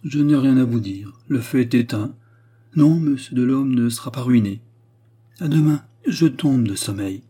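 A man's voice: mid-range voice, normal speed, warm tone, slightly rough, voice pushed up, natural voice. A man reading the part of an outspoken young woman, earnest and indignant. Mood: weary.

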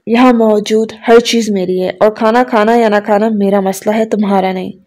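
A woman's voice: medium pitch, fairly even intonation, warm tone, lightly acted. A woman voicing a bitter, angry young husband who speaks in a curt, contemptuous way. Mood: cold contempt.

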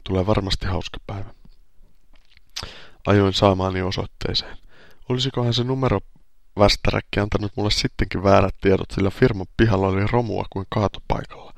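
Gravelly-voiced man, deadpan storyteller. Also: lowish voice, dry recording. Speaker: podcast host. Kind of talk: reading a humorous first-person column.

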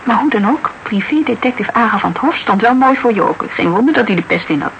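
In a Dutch radio crime drama, an actress plays a lively, shrewd young associate of a detective, animatedly recounting events in colloquial, emphatic speech as if thinking aloud. Her female voice is a little high and fast. The audio is dull, with a little hiss or hum.

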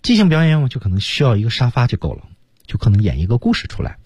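Husky, chatty male radio teacher. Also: medium pitch, wildly swooping pitch, racing, a little mellow, no echo, studio quality. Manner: chatty, lots of filler particles. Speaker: radio English teaching host. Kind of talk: casual radio lesson chat. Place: radio studio.

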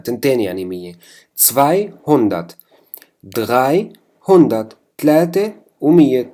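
A man with a Levantine Arabic accent teaching a language lesson, patiently spelling out numbers slowly, piece by piece. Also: lowish voice, warm tone. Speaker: German teacher.

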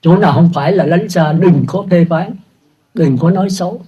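A man's voice: fairly high pitch, normal speed, dark tone, husky. An older man, a Buddhist monk, giving a chatty, self-mocking dharma talk and laughing at his own jokes. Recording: dull lo-fi recording.

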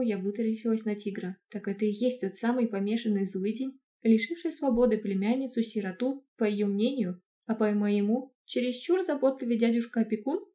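A woman narrating a first-person fantasy audiobook in a lively, expressive way. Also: fairly high pitch.

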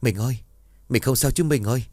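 A man's voice: mid-range voice, fairly quick, dark tone, dry recording, pitched above the performer's own voice, close to an everyday voice. A man voicing a worried young mother who soothes her husband and child. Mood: soothing. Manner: soothing, anxious.

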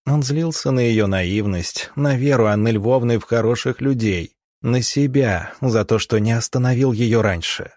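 A man doing scripted audiobook narration in a steady, measured reading. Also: mid-range voice, no echo, studio quality.

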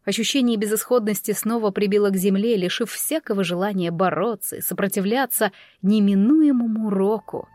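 A woman narrating a first-person fairy-tale story as an audiobook, in an even, expressive storytelling manner. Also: medium pitch, fairly quick, dry recording.

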